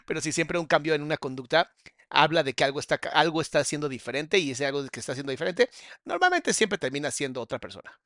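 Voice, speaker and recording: A man, hosting a podcast and reacting with sarcastic, drawn-out remarks. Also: a little high, very animated, fairly bright tone, no room sound, clean studio sound. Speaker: host reacting to a guest's story.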